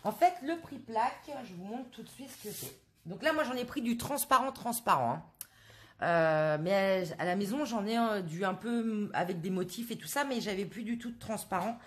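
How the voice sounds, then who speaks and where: Woman, from France, casual haul chat, hesitant and chatty, mid pitch. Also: moderate pace. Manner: chatty, hesitant with many fillers, addresses viewers directly. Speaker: craft vlogger.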